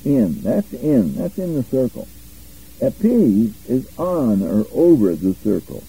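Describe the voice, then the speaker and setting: An older man teaching a Bible study, walking his listeners through Greek words slowly and methodically. His pitch rises and falls a lot as he stresses each point. The voice is dark and very husky. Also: poor audio. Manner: methodical, explains Greek words step by step, repeats key phrases. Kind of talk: classroom Bible study lecture.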